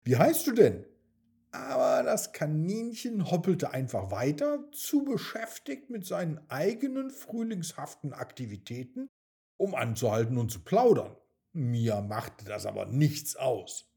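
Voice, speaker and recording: A man narrating a children's story in a gentle storytelling manner. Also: fairly high pitch, big pitch swings, a little slow, gravelly. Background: soft background music.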